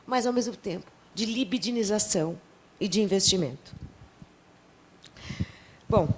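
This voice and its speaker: Woman panelist, associative and rambling delivery, mid-range voice. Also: mid-range voice. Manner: associative, rambling, many fillers and restarts. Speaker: psychoanalyst panelist. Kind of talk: academic panel talk. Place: lecture hall at a panel event.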